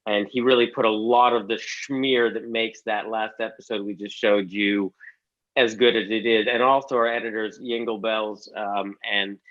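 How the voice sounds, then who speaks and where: A man's voice: on the low side, little pitch movement, moderate pace, fairly bright tone, highs cut off. A man, guest on a casual online chat, thanking his editors and making joking asides. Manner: joking, self-deprecating asides. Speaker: comedy series co-creator, guest.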